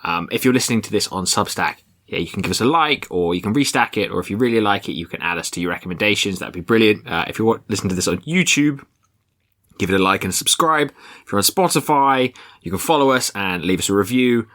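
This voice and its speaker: Bright-voiced man chatting in an attic. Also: on the low side, lively intonation, fast. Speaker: podcast host. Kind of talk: casual chat. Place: attic room of a family house.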